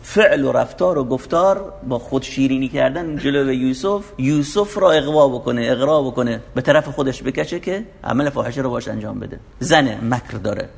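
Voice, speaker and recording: A man's voice: medium pitch, expressive, vocal fry, few pauses. A man preaching a sermon, explaining scripture verse by verse in an emphatic, urging way.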